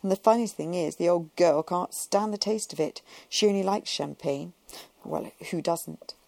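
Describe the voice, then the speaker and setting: A woman's voice: lowish voice, moderate pace, vocal fry, darkish tone, no room sound. A woman reading the part of a languid, luxurious society woman who gossips in an imperious drawl. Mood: catty drawl.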